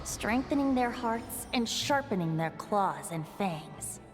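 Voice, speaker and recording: A woman's voice: medium pitch, animated, takes it slowly. A woman playing a solemn teller of ancient legend in a video game, speaking in a grave, formal storytelling manner. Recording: long echo, loud music behind.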